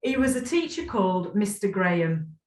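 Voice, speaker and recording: A Scottish woman in her forties, a former player, looks back warmly and reflectively in a casual interview, full of ums and restarts. Her mid-range voice has big pitch swings and a moderate pace, in an echoey room.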